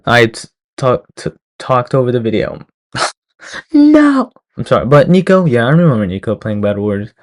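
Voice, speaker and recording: A man's voice: medium pitch, animated, fairly quick, few pauses. Rambling young man reacting casually. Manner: rambling, full of fillers and restarts. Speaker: reaction streamer.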